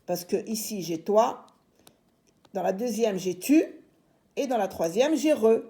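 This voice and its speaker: A woman teaching young children a reading lesson from home, sounding out syllables slowly and reassuring them patiently. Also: mid-range voice, lively intonation, warm tone. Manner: slow, clearly segmenting syllables. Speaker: primary school teacher.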